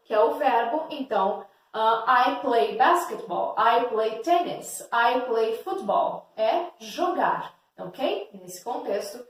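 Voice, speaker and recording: A woman whose first language is Portuguese teaching an English lesson, slow and patient, checking in with "yes?" and "ok?" again and again. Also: high-pitched. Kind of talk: recorded online lesson. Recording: echoey room, distant mic.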